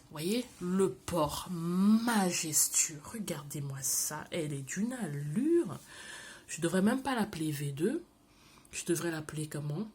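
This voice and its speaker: A woman chatting casually in a plant vlog, animated and gushing, dropping English phrases into her talk. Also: low voice, slightly rough. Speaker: plant vlogger. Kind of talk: casual chat.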